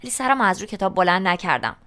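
A woman reads a novel aloud in the first person, telling it in a relaxed, colloquial way. Her voice is smooth and clear, with a pitch that is neither high nor low. The delivery stays conversational, like someone telling the story to a friend. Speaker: audiobook narrator.

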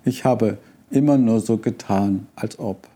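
A man voicing a frightened little old male wizard who is a fraud, speaking in a trembling, pleading, hushed way in a storybook reading. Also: lowish voice, a little slow, husky.

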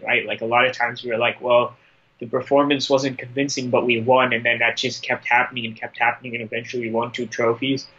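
A man's voice: mid-range voice, bright, forceful tone. A man giving opinionated football analysis on a podcast in a conversational, emphatic way, on a slightly lo-fi line. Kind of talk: casual sports discussion.

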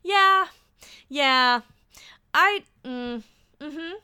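Animated thirty-something woman chatting on a podcast, bright high-ish voice, cusses and laughs easy. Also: very slow. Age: 30s. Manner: animated, laughs often, swears freely. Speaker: podcast guest. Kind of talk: casual chat.

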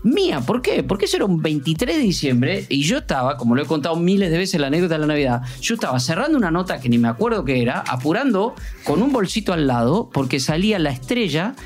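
A man in his fifties with an Argentine Rioplatense accent, a sports journalist who tells anecdotes as a podcast guest, animated and fond of rhetorical questions. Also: on the high side, fast talker, few pauses, soft background music. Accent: Argentine Rioplatense Spanish. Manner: animated, uses rhetorical questions and acts out quoted dialogue. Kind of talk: conversational storytelling in a podcast interview.

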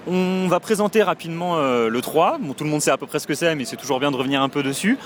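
A man's voice: on the high side, quick pace, a little hiss or hum. A man hosting a live podcast episode from a trade show, chatty and friendly, with frequent fillers. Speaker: podcast host. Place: video game trade show.

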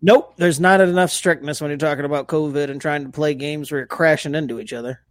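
A man co-hosting a casual sports podcast, blunt, opinionated and quick to swear. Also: a little high, fairly even intonation, dry recording, clean studio sound. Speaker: podcast co-host.

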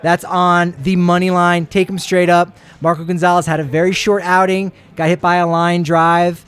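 A man's voice: high-pitched, little pitch movement, normal speed, fairly bright tone, smooth. A man co-hosting a sports show, chatting casually and rambling through sponsor plugs with jokey asides.

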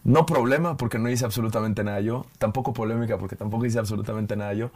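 A young man from Yucatán with a Yucatecan Spanish accent, talking casually as a podcast guest and telling stories with quick restarts. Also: on the low side. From Yucatán, Mexico. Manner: relaxed, storytelling with quick restarts. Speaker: guest, video creator. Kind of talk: casual conversation.

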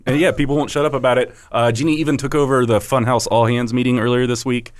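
Man, podcast host, casual chat, steady mid pitch. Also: fast talker. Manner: reads sponsor intros, keeps the group on topic.

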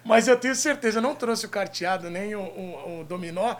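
A man's voice: sits high, brisk. A man with a Brazilian accent hosting a talk show in a chatty, effusive showman's way. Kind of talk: chatty, upbeat show presenting. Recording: clear background noise.

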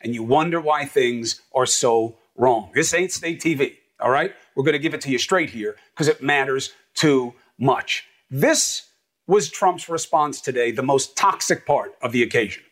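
A man's voice: mid-range voice, normal speed, a bit bright. A middle-aged man delivering emphatic, sarcastic opinion commentary as a news anchor.

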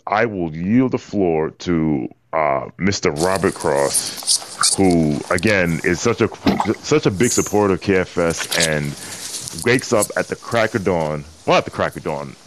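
A man hosting a casual sports podcast, thinking aloud in a halting way. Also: low voice, noisy background. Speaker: podcast host.

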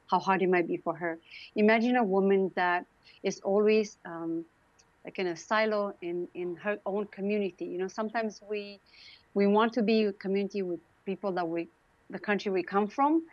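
A woman's voice: medium pitch, dry recording. Romanian-accented woman, earnest, in dry muffled sound. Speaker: interview guest, founder and CEO. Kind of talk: conversational personal storytelling.

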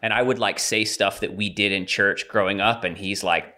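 A man with a bright, forceful tone and a somewhat low voice talks in a chatty, agreeable way. He punctuates the conversation with quick affirmations. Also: fairly even intonation. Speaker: podcast co-host. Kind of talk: casual conversational discussion.

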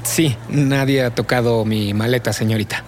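A man's voice: medium pitch, steady tone, normal speed, a little hiss or hum, lightly acted. A man acting in an audio drama as an anxious, polite, imaginative writer.

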